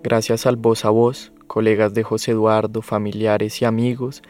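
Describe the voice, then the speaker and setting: Flat, low male documentary narrator. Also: faint music behind. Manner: measured, sober, even delivery. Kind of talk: scripted narration.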